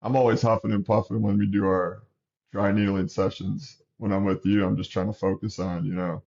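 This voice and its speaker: A man's voice: fairly low pitch, brisk, gravelly, lo-fi sound. A man in his thirties, a basketball coach, chatting casually as a guest, sniffling, rambling with restarts. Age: 30s. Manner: relaxed, rambling, with many restarts. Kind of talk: casual interview chat.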